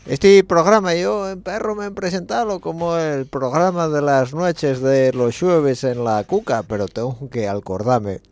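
A man's voice: medium pitch, darkish tone. A man with an Asturian accent hosting a late-night community radio show, musing in a rambling way with slightly slurred speech and a frequent questioning tag. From Asturias, Spain.

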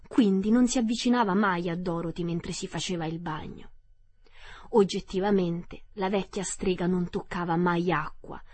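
A woman narrating a classic storybook aloud for radio, measured and expressive. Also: mid-range voice, husky, dry recording. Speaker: audiobook reader.

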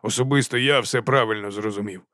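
A man voicing a gloomy, curt middle-aged watch captain in an audiobook, speaking slowly. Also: lowish voice, sharp tone, no room sound, clean studio sound. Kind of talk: audiobook character voice.

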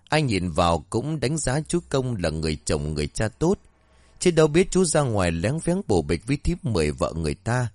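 A man narrating a scripted horror story with an expressive storytelling delivery. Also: lowish voice, no echo.

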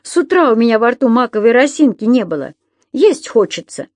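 A woman's voice: a little high, big pitch swings, fairly quick, a little mellow, no echo, clean studio sound. A woman voicing a timid, flustered grown man who stammers and hesitates. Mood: eager.

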